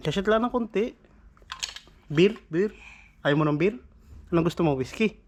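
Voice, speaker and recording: Slight background noise sits under this clip of a father and vlogger using baby talk with his toddler late at night at home. His high voice is expressive and normally paced as he coaxes, teases, and repeats his questions with gentle laughs.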